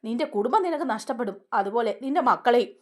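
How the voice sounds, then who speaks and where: A woman voicing a calm older man who reasons with a firm, admonishing manner. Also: fairly high pitch, quick pace, lightly acted.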